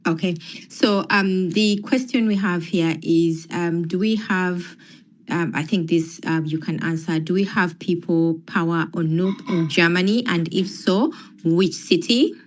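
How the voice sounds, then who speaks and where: A woman reading audience questions aloud from a chat, slow and deliberate with many ums. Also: lowish voice.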